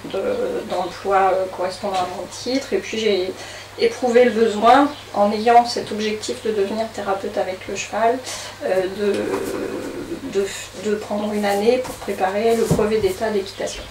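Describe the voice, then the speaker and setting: Woman, halting, in a roomy space. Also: medium pitch, fairly even intonation, recorded from a distance. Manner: hesitant, pausing often mid-phrase to find words. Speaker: interview guest, horse-assisted therapist. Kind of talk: casual interview answers. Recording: roomy echo, off-mic, faint noise.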